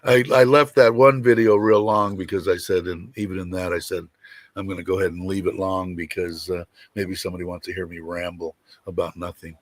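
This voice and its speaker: A man with a deep, rumbling voice hosting a casual livestream, rambling and hesitant as he chats. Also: little pitch movement, fairly quick, dry recording. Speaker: host of a livestream show.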